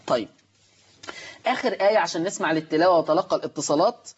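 Fast animated Egyptian teacher. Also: male voice, a little high, slightly rough, lo-fi sound. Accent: Egyptian Arabic. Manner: animated, asks the class questions and answers them himself. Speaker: Quran recitation teacher. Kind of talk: classroom lesson at a board.

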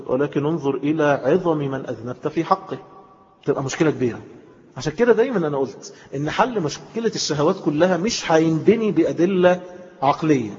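A man with an Egyptian Arabic accent preaches in a fairly high voice, drawing his phrases out and lifting them with sudden swells. The recording is dull and lo-fi, and a long hall reverb trails after every word. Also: darkish tone. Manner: emphatic, drawn-out phrases with sudden swells in pitch. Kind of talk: sermon.

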